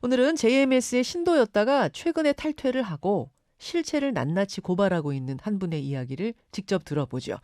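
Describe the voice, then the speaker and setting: A woman's voice: medium pitch, animated, brisk, hardly any pauses, darkish tone, no echo, clean studio sound. A woman hosting a radio news interview, articulate and emphatic, posing questions to the listeners and the guest. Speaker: radio news show host.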